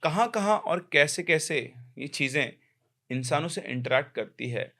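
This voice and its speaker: A man's voice: fairly high pitch, lively intonation, unhurried, pushed and bright. A man narrating a horror story in a conversational, explaining way, with small restarts.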